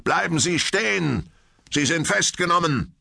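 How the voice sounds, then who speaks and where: A man voicing a calm older male magician who teaches young trainees in an audiobook. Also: low-pitched, slow, vocal fry, slightly rough, no echo, clean studio sound, exaggerated voice. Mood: commanding. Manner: calm and instructive, then commanding shouts.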